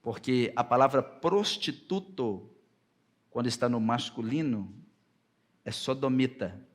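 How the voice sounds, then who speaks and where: A pastor with a Brazilian Portuguese accent delivers a sermon, stretching out scripture readings at a slower pace. When he quotes God and Moses, his voice rises into loud, high passages.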